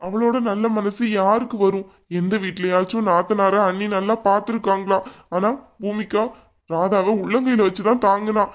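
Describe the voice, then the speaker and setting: A man's voice: high-pitched, steady tone, normal speed, lightly acted. A man voicing an earnest young husband in a cartoon drama, pleading and indignant by turns. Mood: worried. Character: young husband defending his wife, earnest. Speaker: cartoon voice actor. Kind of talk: Tamil cartoon drama dialogue.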